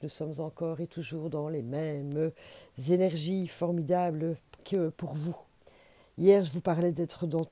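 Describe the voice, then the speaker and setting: Belgian woman, low warm voice, chatty card reader who repeats herself to urge the viewer on. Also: dry recording. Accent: Belgian French. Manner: chatty, encouraging, repeats for emphasis. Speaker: intuitive oracle card reader. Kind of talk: casual spiritual card reading to camera.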